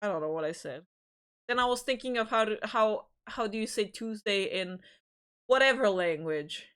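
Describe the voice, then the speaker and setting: A woman's voice: mid-range voice, lively intonation, moderate pace, a bit bright, clean tone. A woman hosting a livestream, chatting casually with viewers in a giggly, rambling way, often restarting her sentences. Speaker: livestream host.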